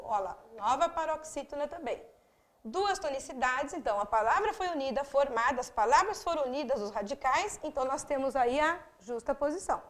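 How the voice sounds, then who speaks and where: A woman teacher with a Brazilian Portuguese accent, lecturing on grammar. Her voice sits high and swings widely up and down. She draws out example words slowly to stress each syllable and corrects her own small slips as she goes.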